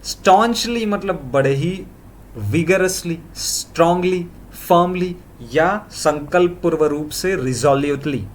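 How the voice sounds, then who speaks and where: A man teaching English vocabulary in a brisk Hinglish lesson, reeling off quick lists of synonyms. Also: fairly high pitch, a little hiss or hum.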